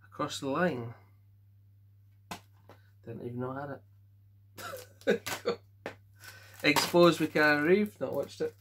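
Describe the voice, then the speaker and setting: Scottish male collector, tense bright tone, casual offhand delivery at home, faint hiss behind. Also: fairly high pitch. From Scotland. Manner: offhand quick verdicts, chuckles to himself. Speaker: collector showing his film collection. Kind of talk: casual chat.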